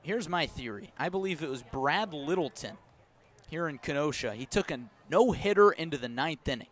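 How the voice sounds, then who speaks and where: An American man calls live radio baseball play-by-play outdoors at a ballpark, slipping between pitch calls and conversational asides. He speaks at normal speed with lively intonation.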